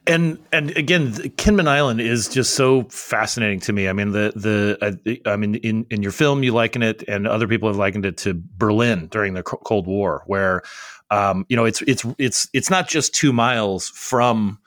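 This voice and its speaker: A man hosting a political podcast, introducing and then interviewing a guest in a halting, filler-heavy conversational way. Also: lowish voice, fairly bright tone, no room sound, studio quality. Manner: halting, many fillers and restarts. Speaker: podcast host.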